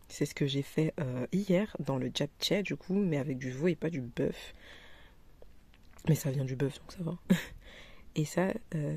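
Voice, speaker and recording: A woman's voice: sits low, vocal fry, warm tone, breathy edge. Chatty young woman vlogging casually. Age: 20s. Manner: chatty, rambling, many fillers and restarts, laughs often. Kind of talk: casual vlog chat.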